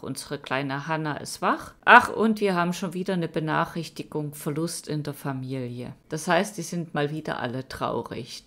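A woman giving casual let's-play commentary, chatting along and talking to her game characters as she plays. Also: fairly low pitch.

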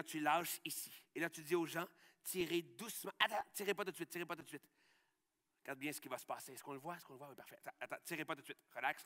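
A Québécois-accented man performs and explains a magic trick for schoolchildren. His voice sits a little high and sounds bright and forceful. He coaches in an upbeat way, asking again and again whether everyone can see. The sound carries a long reverb from a large hall. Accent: Québécois French. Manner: upbeat, coaching step by step, checking often that the audience follows.

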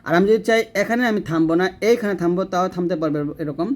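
A man's voice: high-pitched, quick pace. A man teaching Quran reading in a spoken lesson, patiently explaining and repeating words. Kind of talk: casual spoken lesson with slow recitation examples.

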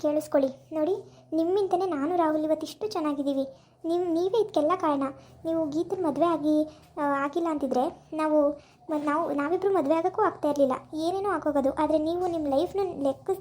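A woman's voice: high voice, a little mellow, lightly acted. A woman playing a caring young wife who scolds and presses a friend to make peace, asking question after question, in an amateur village drama.

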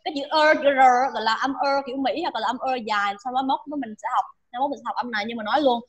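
A woman's voice: on the high side, quick pace, muffled recording. A woman teacher drilling English pronunciation with a class, repeating each sound for students to echo and checking in often.

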